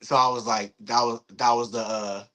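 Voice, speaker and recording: A young man, a guest in a casual interview, telling a story in a lively, profane way, acting out what people said. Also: medium pitch, normal speed, rough recording. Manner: animated, profane storytelling with acted-out quotes.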